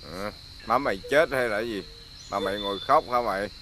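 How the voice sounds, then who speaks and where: An actor playing a cruel, bullying father who mocks and shouts at his child, in a TV drama. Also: fairly low pitch, moderate pace, noisy background, close to an everyday voice. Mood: contemptuous. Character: cruel, bullying village father, harsh and mocking. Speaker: abusive father. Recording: loud background score.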